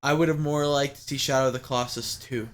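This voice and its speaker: A man's voice: medium pitch, steady tone, fast. A man co-hosting a casual gaming podcast, laid-back and blunt, with casual swearing. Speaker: podcast co-host. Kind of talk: casual chat about games.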